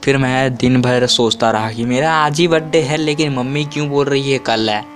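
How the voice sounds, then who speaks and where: A young man in his twenties tells childhood stories to his viewers in a loose, rambling style. He restarts and corrects himself mid-sentence and jumps into a much higher voice when quoting. His speaking voice sits at a middling pitch for a man. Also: moderate pace, faint music behind. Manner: acts out quotes with sudden high pitch. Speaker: vlogger. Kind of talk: casual storytelling.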